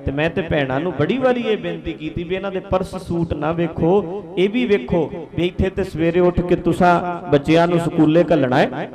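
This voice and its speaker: A man with a Punjabi accent preaching a sermon, folksy and earnest, asking his listeners straight out. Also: fairly high pitch. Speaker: Sikh preacher. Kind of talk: sermon storytelling.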